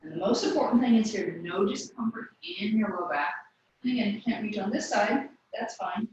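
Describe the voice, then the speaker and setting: A woman teaching a yoga class, giving calm cues timed to the breath. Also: mid-range voice, a little fast, highs cut off, background noise. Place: yoga studio. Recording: echoey room, voice from a distance.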